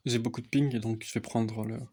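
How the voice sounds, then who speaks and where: A young man softly explaining a card game deck as casual gameplay commentary, often hesitant with fillers. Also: fairly even intonation, a little fast. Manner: speaks softly, low volume. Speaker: card game content creator.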